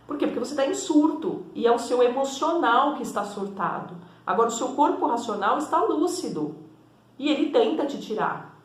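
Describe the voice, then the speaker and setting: Higher-voiced woman teaching in an echoey room. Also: lively intonation, normal speed. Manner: explanatory, conversational, frequent tag questions. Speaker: energy and spiritual therapist. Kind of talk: teaching monologue to camera.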